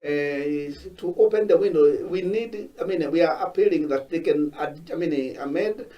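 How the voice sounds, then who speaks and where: A man from Kenya, a guest on a panel discussion, who speaks haltingly with many restarts. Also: a little high, mellow, muffled recording. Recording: voice from far off the mic.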